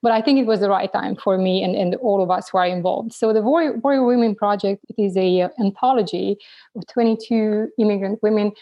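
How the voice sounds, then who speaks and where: A woman's voice: mid-range voice, a little fast, dark tone. A middle-aged woman from Romania, a physician guest talking casually with frequent restarts. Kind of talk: casual interview talk.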